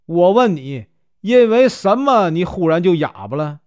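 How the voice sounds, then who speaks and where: A man's voice: high voice, very animated, a little slow. A man playing a polite old landlord. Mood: courteous. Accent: Northeastern Mandarin. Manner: polite, deferential. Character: courteous elderly male landlord, grateful.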